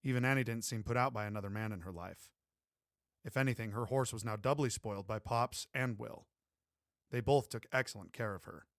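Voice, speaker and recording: A man's voice: on the low side, fairly quick, a bit bright, no echo. Man reading a romance story, dry close sound. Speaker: audiobook narrator. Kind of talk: scripted narration.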